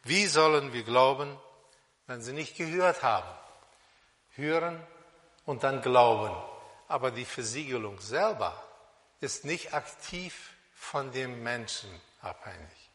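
A man preaching a sermon on a Bible passage, speaking slowly and deliberately with pauses and fillers, in a church hall. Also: mid-range voice, animated, fairly bright tone. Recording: long reverb of a hall.

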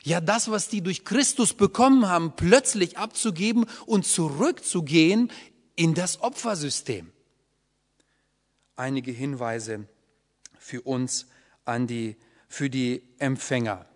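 A man with a slightly high voice teaches a Bible study at a slow pace, explaining things patiently to the group. He frequently checks in by asking "ja?", and the room has a long hall reverb.

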